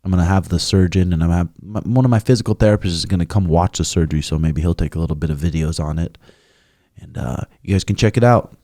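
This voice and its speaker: A man's voice: deep voice, fast, mellow, dry recording, clean studio sound. A young man hosting a casual podcast, laid-back and crude, swearing freely. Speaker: podcast host.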